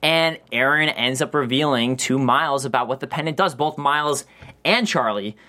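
A man's voice: mid-range voice, moderate pace, pushed and bright. A man hosting a live show, chatting casually and laughing easily. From Chicago. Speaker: podcast host.

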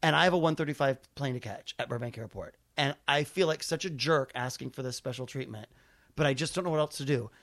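A man's voice: medium pitch, fast, dry recording. An American man telling a personal story casually, acting out the conversations as he goes. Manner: animated retelling with quoted dialogue. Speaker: stand-up comedian.

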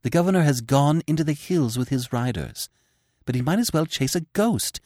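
A man's voice: on the high side, expressive, normal speed, darkish tone, no room sound, studio quality, pitched above the performer's own voice. A man voicing a passionate, scheming young woman who pleads in a breathless, urgent rush.

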